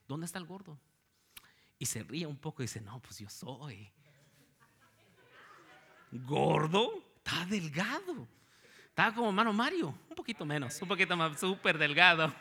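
Animated man preaching a sermon. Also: high-pitched. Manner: animated storytelling, rhetorical questions to the congregation. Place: church service.

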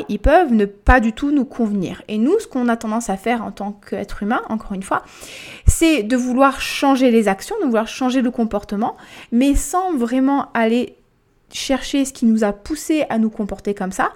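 A woman's voice: a little high, a little mellow. A young woman hosting her own podcast as a life coach, explaining in a chatty, casual way with fillers and repeated words. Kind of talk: casual solo podcast talk.

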